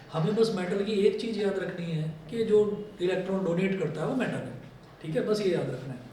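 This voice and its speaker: High-voiced man teaching chemistry, echoey, distant. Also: mellow, a little hiss or hum. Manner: explains with everyday stories and playful asides. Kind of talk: recorded classroom lecture. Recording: echoey room heard from a distance.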